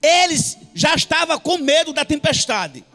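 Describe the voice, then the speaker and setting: In a church with faint music in the background, a man preaches a sermon with a Brazilian Portuguese accent. His very high voice is pushed and bright, and his measured delivery is impassioned and sing-song, full of hallelujahs.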